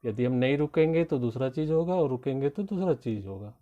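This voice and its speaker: A man teaching a grammar lesson to children, explaining slowly and drawing out his example words. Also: medium pitch, lively intonation, phone-quality sound. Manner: slow, deliberate explanation with drawn-out example words. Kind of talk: classroom lesson addressed to children.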